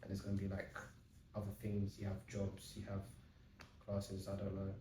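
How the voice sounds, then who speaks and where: A man's voice: low-pitched, completely flat delivery, moderate pace, mellow, a little hiss or hum. A young man hosting a casual podcast chat, talking eagerly and at length with lots of fillers. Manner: chatty, eager, explains at length with many fillers. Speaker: podcast host. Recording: roomy sound from a distant mic.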